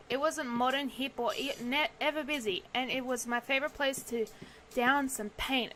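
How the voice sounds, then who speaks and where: Bright-voiced woman streamer reading a game. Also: on the high side, slight background noise. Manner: breaks off narration for sudden exclamations and swearing. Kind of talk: reading game text aloud with casual reactions.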